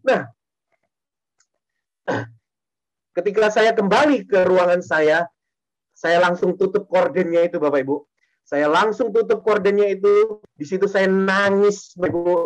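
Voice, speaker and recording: A man's voice: high-pitched, a little slow, pauses often, low-quality recording. A man giving a testimony sermon to a congregation, repeating his phrases and often turning to address the listeners directly.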